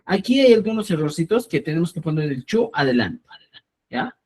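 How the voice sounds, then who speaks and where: A man's voice: on the high side, sing-song, a little mellow. A man teaching a grammar lesson, explaining step by step and checking in often with his students. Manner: explains slowly, checks in with a frequent "¿ya?"; addresses listeners as "estimados amigos". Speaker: Quechua teacher.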